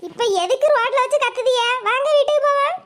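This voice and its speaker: A woman voicing a quarrelsome, sharp-tongued village wife who wails and curses. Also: very high voice, fairly even intonation, fast talker. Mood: pleading. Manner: wailing, scolding, cursing. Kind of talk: cartoon voice acting.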